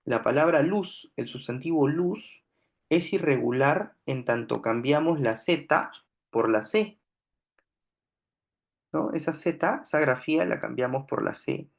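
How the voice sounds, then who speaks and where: A man's voice: a little high, vocal fry. A man teaching a grammar lesson, explaining step by step and often checking with his students. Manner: slow, deliberate explaining with frequent checks "¿no?". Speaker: language teacher.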